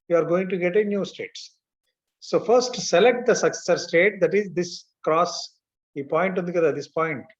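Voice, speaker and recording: A man with a Telugu Indian accent teaching an online class step by step, mixing Telugu and English and often checking that students follow. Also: on the high side. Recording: dull, lo-fi online class audio.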